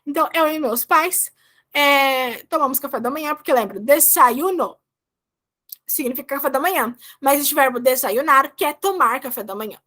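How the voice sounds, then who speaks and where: A woman's voice: high voice, moderate pace, sharp tone. A young woman with a Brazilian Portuguese accent, teaching a Spanish class online and often checking in with her students. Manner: explains patiently, checks in with "tá?" and "né?". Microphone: video call.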